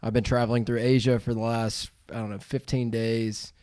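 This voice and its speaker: A man hosting a podcast in a studio, telling stories in a lively, laughing way. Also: medium pitch, moderate pace, no echo. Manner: animated storyteller, laughs while telling. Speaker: podcast host. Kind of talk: casual podcast chat.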